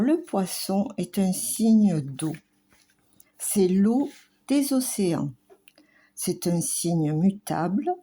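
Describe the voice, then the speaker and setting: Slow, halting woman astrologer. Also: medium pitch, mellow, husky. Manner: slow, halting delivery with fillers. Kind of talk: weekly astrology forecast.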